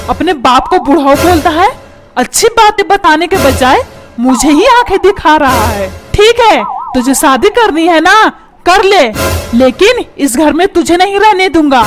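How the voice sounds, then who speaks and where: A hot-headed cartoon father who rants and threatens, in a squeaky, shrill voice, as a woman puts him on. He talks over loud background music. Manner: scolding, shouting threats. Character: short-tempered middle-aged father, blustering and threatening. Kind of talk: comic cartoon dubbing. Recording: music playing loudly underneath.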